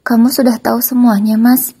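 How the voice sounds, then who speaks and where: A woman's voice: level tone, brisk, breathy edge. Woman putting on a tearful, begging young wife. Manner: begging, high and loud.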